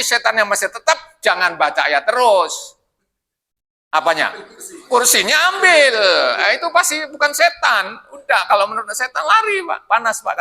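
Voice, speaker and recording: Male preacher, fairly high voice, very bright tone, animated storytelling sermon. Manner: lively storytelling, addressing listeners directly. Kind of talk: mosque sermon. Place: mosque.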